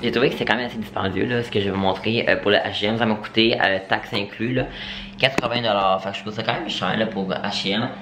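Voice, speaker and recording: A man's voice: lowish voice, steady tone, quick pace, a bit bright, slight background noise. A young man from Quebec with a Quebec French accent, chatting casually at home to his camera in a vlog, full of fillers and hesitations. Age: young adult. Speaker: vlogger. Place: at home, indoors.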